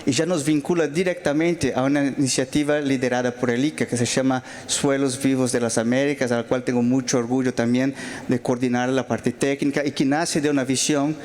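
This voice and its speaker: At the close of a conference panel in a large auditorium, a Brazilian man delivers final remarks in Spanish with a Brazilian Portuguese accent, full of hesitant fillers and restarts. His medium-pitched, darkish voice stays steady and moves fairly quickly.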